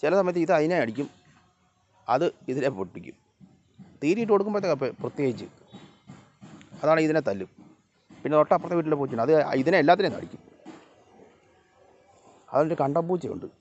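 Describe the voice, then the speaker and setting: A man filming a casual vlog outdoors around his house, talking softly to viewers and calling out loudly to his cats and dogs. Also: a little high, big pitch swings, fast talker, long pauses. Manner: calls and scolds animals in raised voice, chats softly to viewers. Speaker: vlogger. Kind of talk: casual vlog narration to camera while feeding pets. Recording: slightly dull lo-fi phone audio.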